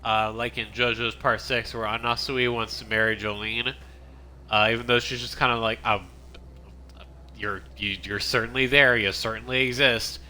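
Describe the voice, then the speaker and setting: A man's voice: medium pitch, flat delivery, moderate pace, pushed and bright, slight background noise. A man streaming a game, chatting casually and rambling as he plays, often stopping and restarting his sentences. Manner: rambling, self-interrupting, chatty. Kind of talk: casual gameplay commentary.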